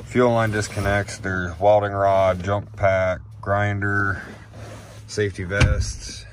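A man's voice: lowish voice, level tone, takes it slowly. A man giving a casual walkaround tour of his farm truck outdoors, listing tools with many hesitations, recorded on a handheld phone. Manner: rambling, listing items with many "uh"s. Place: outdoors by a pickup truck, phone camera in hand. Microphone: handheld phone camera. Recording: noisy outdoor phone audio.

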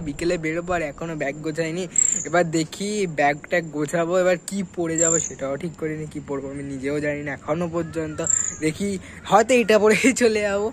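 A man's voice: on the high side, a little hiss or hum. Chatty man vlogging on the go. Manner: chatty, rambling with many fillers. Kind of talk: casual vlog chat. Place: outdoors and indoors, on the move.

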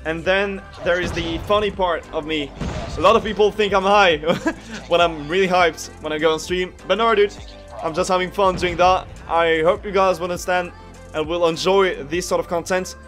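A man's voice: high-pitched, steady tone, normal speed, a bit bright, soft background music. French-accented young man chatting over gameplay. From France. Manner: chatty, searches for words, loses his thread. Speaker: esports caster and streamer. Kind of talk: casual commentary over gameplay. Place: indoor room, gaming chair. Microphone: headset mic.

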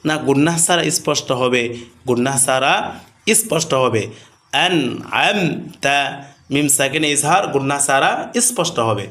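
A man teaching Quran recitation rules, chanting drawn-out examples and then explaining quickly, asking questions and answering them himself. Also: mid-range voice, fairly bright tone. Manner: slow sung recitation alternating with rapid rule explanations.

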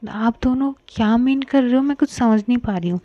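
A woman voicing Puja, a gentle young woman who is easily flustered, speaking softly in a story. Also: fairly high pitch, brisk, no echo, highs cut off, natural voice. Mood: reassuring.

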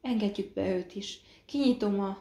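A dazed young girl rambles in confusion, then pleads through pain, as a woman reader voices her. Her voice carries a gravelly edge, and the audiobook sits in a roomy, echoing space. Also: medium pitch, dark tone, lightly acted. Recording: roomy echo.

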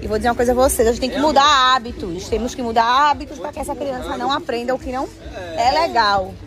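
A young woman, chatting excitedly to viewers as she films a hotel tour on her phone. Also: fairly high pitch, quick pace, crowd noise. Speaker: vlogger. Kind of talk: casual vlog tour.

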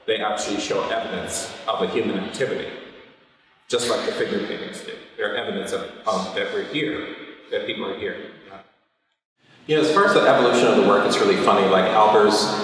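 A man's voice: lowish voice, a bit bright, a little hiss or hum. A middle-aged man, a painter, talking reflectively about his work in an interview and often checking in with "right?". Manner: thoughtful, often ends points with "right?". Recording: roomy, echoey, from a distance.

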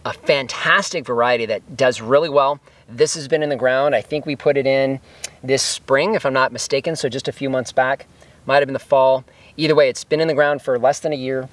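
Speaking a little fast with fairly even intonation, a man walks the camera through his orchard and his fruit trees for a homesteading vlog. The sound has no echo; he's relaxed and keen, sometimes eating as he goes.

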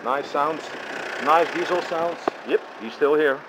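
This vlogger, a man with a somewhat high voice and a Dutch accent, drives through town casually thinking aloud in short, slow remarks. The engine-filled, noisy car interior is recorded by a camera mounted on the dashboard.

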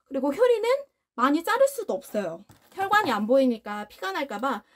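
A woman's voice: high voice, very animated, brisk, slight background noise. A young adult woman casually demonstrating a dog nail grinder, often cooing praise at her dog in a sing-song voice. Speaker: dog owner demonstrating pet grooming product.

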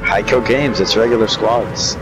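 A man on a headset chatting casually with friends while gaming, slangy and relaxed, saying bro a lot. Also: fairly low pitch, moderate pace, loud music behind the voice. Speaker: gamer.

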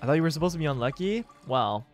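Man, livestream gameplay chat, swooping expressive pitch, faint music behind. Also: racing. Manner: chatty, exclaims at found items, teases chat. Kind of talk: casual gameplay commentary.

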